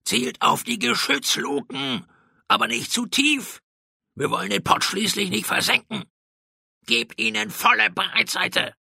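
A man's voice: low voice, animated, normal speed, sharp tone, husky, no echo, studio quality, exaggerated voice. A man voicing a bold, self-assured male pirate captain who barks orders, in a storybook reading. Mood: shouting orders.

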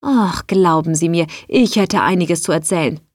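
A woman's voice: lowish voice, normal speed, dry recording, studio quality. Woman reader doing defiant female cook, snippy, bites back hard. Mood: furious. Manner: snippy, threatening. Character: fiery fired woman cook, defiant and sharp.

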